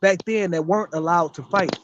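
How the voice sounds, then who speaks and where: A man's voice: sits high, steady tone, a little fast, slight background noise. A man in a heated, casual sports debate, emphatic and argumentative, swearing and repeating himself, on dull lo-fi audio.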